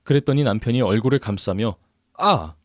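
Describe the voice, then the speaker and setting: Male narrator, lively storytelling, dry close sound. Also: mid-range voice, brisk, dry recording. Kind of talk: scripted narration of a listener's story.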